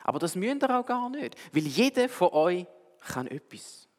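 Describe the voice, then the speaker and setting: A man voicing a wise old owl in a soft, hushed, gentle voice. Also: high voice, big pitch swings, normal speed, long reverb tail, voice pushed up. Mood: teaching.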